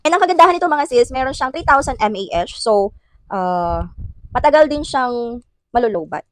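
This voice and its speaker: Chatty Filipina vlogger, slightly high voice. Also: female voice, animated, normal speed, dry recording. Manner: chatty, addresses viewers as sis, laughs often. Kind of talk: casual unboxing vlog.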